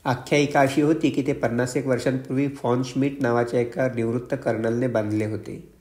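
A male audiobook narrator with a mid-range voice that hardly rises or falls, reading in a steady, level way. The room around him adds a clear echo to each line. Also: medium pitch, brisk. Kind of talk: scripted narration. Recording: roomy echo.

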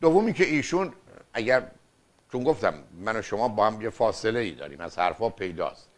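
A man's voice: on the low side, expressive. Lecturing older man radio therapist. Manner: lecturing, insistent, repeats "dear" and rhetorical questions. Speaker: radio and TV family therapist host. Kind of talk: call-in advice show.

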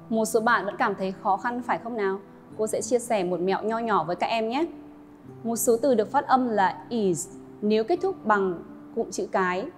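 Slow, high-voiced woman teaching pronunciation. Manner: slow, clear modelling of English sounds for students. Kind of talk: classroom lesson narration. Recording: long reverb with faint music.

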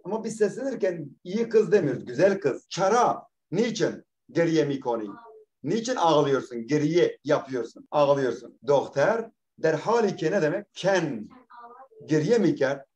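A male teacher walks a class through a reading, one line at a time. He repeats each word, asks a question and then answers it himself, in a voice sitting a little higher than most men's. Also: lively intonation, moderate pace, darkish tone, highs cut off. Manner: explains patiently, repeats words, asks questions and answers them. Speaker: language teacher. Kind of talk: classroom lesson, reading and translating a text line by line.

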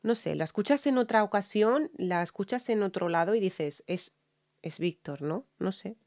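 A woman's voice: mid-range voice, animated, normal speed, a little mellow. A woman with a Spain Spanish accent, a singer giving casual reaction commentary and explaining vocal technique with lots of fillers. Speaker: singer reacting to and analysing a song.

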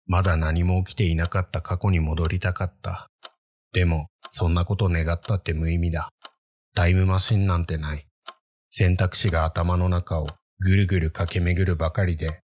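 A man narrating a creepy ghost story in the first person, in a measured, brooding manner. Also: low-pitched, darkish tone, no room sound.

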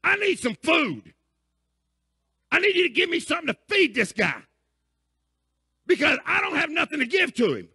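A man's voice: very high-pitched, sing-song, normal speed, vocal fry, pauses often, dry recording, studio quality, voice pushed up, full character voice. A man voicing a desperate man who pounds on a neighbor's door at night and begs for food. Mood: pleading. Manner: urgent, pleading shouts.

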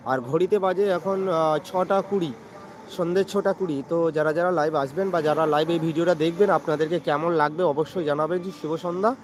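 A man with a West Bengal Bengali accent and a high voice is live-streaming casually from outdoors. He tends to repeat himself as he talks to viewers. Clear street and open-air noise sits behind him. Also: steady tone, fairly quick. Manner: repetitive greetings and phrases. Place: outdoors on a seaside beach at evening. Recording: noisy outdoor beach with traffic sounds.

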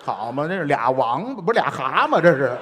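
A man's voice: a little high, big pitch swings, a little fast, fairly bright tone. A man in his thirties with a Beijing accent, playing straight man in stage crosstalk with short interjections and dry retorts. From Beijing, China. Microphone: stand microphone on a stage. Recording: live stage sound with background noise.

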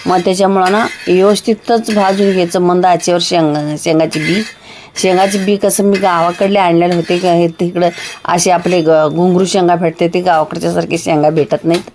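Homely woman cook, low voice, talks through a kitchen demo. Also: fairly even intonation, moderate pace, noisy background. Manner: homely, chatty, repeats herself often. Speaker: home cook. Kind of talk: casual cooking demonstration.

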